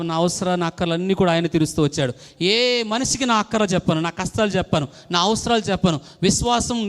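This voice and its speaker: A man's voice: high-pitched, big-room sound. A middle-aged male pastor giving a fervent testimony sermon, with many restarts. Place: church hall.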